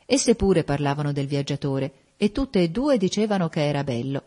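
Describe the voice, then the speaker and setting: Low-voiced woman narrating an audiobook. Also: animated, normal speed, warm tone. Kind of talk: scripted narration.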